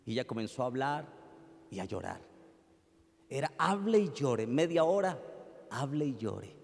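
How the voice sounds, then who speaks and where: Colombian pastor preaching in a reverberant hall. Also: male voice, medium pitch, sing-song, normal speed, creaky. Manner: storytelling, swings from loud pleading to hushed. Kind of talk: sermon.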